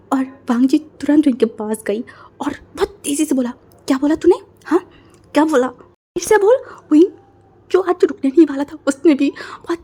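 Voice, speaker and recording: A young woman narrating a fan-fiction story in a chatty, excitable way, breaking off to explain things to the listener. Her voice is high, with a soft, mellow tone. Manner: chatty, breathless, dramatic asides. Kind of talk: casual fan-fiction retelling.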